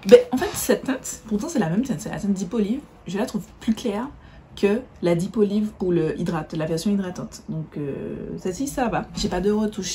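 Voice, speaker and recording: Chatty woman, mellow voice. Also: fairly low pitch, slight background noise. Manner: chatty, self-correcting, describes as she applies. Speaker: beauty vlogger. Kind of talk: casual makeup tutorial chat.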